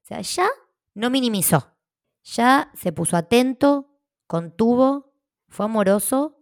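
A woman's voice: on the high side, lively intonation, takes it slowly, no room sound, clean studio sound. A woman with an Argentine accent, a podcast co-host telling a personal story in casual, frank talk, swearing now and then. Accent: Argentine Spanish.

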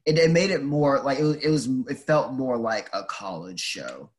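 A man speaking as a podcast guest in informal chat, haltingly, thinking aloud as he goes. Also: medium pitch, expressive. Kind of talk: casual chat.

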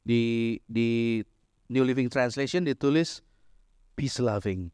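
Middle-aged male pastor, animated joking preacher, slightly high voice, dry recording. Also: no room sound. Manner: lively, mixes Indonesian with English phrases, jokes with the congregation. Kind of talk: sermon.

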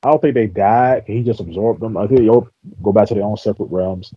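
A man hosting a podcast, casually retelling an episode with lively slang and swearing. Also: on the low side, fast talker, husky, no echo. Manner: animated storytelling with slang and swearing. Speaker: podcast host. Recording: dull lo-fi podcast audio.

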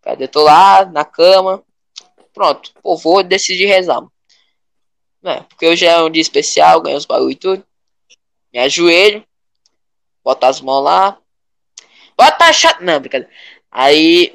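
A young man with a Brazilian Portuguese accent, chatting casually in a rambling, animated way full of slang. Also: on the high side, moderate pace, gravelly, long pauses, dry recording.

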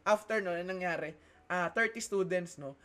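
High-voiced young man telling a story. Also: normal speed. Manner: animated, swearing, loud when excited. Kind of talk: casual chat, storytelling.

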